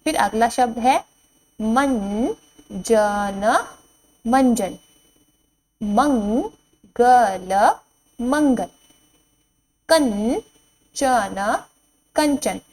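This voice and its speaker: A woman teacher giving a board lesson to young children, reading each word out slowly and repeating it, then asking questions and answering them herself. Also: on the high side, creaky, a little mellow, low-quality recording.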